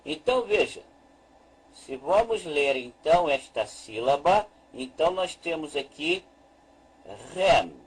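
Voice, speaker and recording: Slow husky guy teaching hebrew letters, drags every word out, says stuff twice. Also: a little high, expressive, rough recording. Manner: slow and deliberate, repeating each point. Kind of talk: slow recorded lesson.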